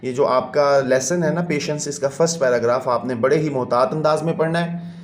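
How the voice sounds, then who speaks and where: A man's voice: medium pitch, fairly quick. Patient male teacher in an echoey room. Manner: patient, explains step by step, counts syllables aloud. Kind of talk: classroom lesson explanation.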